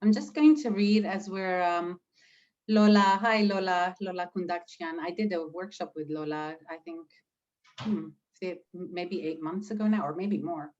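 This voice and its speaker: A woman hosting an interview, gentle and unhurried with many fillers, reading out audience comments. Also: lowish voice, highs cut off. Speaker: host and interviewer.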